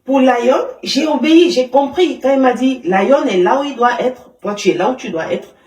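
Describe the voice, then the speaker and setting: A woman giving an emotional personal testimony in an interview, halting, with many fillers and restarts. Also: high-pitched, darkish tone. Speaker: interview guest. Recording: roomy sound from a distance.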